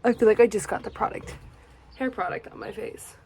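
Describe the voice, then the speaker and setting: A young woman chatting casually while getting ready, sleepy and rambling, sometimes dropping to a soft murmur. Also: on the high side, a little fast, slight background noise. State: sleepy, yawning. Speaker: beauty vlogger. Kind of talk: casual get-ready-with-me chat.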